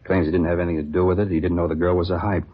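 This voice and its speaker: A husky, low-pitched man speaks very fast in a level tone, portraying a plain-spoken but guarded beat officer for 1950s radio drama. The conversational lines use matter-of-fact police slang, and the recording is dull and lo-fi, like old radio.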